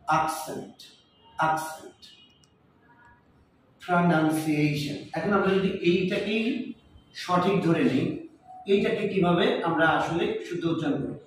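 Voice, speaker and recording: High-voiced man teaching in an echoey room. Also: far from the mic, slight background noise. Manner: repeats words slowly to model pronunciation. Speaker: English teacher. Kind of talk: spoken lesson on English pronunciation.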